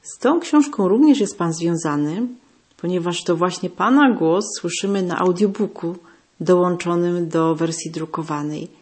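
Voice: mid-range voice, darkish tone, breathy edge. A host presenting and interviewing in a formal, polite manner. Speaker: radio host. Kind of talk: scripted radio presentation.

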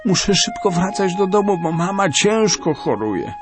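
A man's voice: high voice, very animated, normal speed, over music, voice pushed up. A man voicing a desperate schoolboy who pleads with his teacher in an audiobook story. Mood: pleading. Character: desperate schoolboy with a sick mother.

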